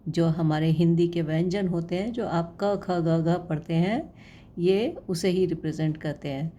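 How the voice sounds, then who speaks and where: A woman with a low, mellow voice teaches in an unhurried way, drawing out each sound with care. She pauses often to ask the viewer questions. A faint hiss sits under her voice. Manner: patient, repeats sounds slowly and asks the viewer questions. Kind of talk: explanatory lesson.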